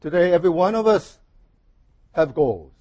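A man preaching a sermon at a pulpit microphone in a church, speaking in short measured phrases and pausing for an interpreter. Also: on the high side, lively intonation, mellow, no room sound, lo-fi sound.

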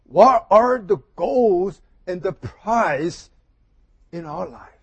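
High-voiced man preaching at a pulpit microphone. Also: animated, husky, no echo, lo-fi sound. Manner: measured, pausing after each phrase. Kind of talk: sermon delivered in short phrases for an interpreter.

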